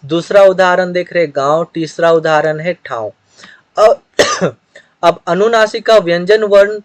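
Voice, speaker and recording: High-voiced man teaching a grammar lesson. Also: no echo. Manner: steady explanatory delivery with examples, occasional throat clearing. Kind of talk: grammar lesson explaining a written page.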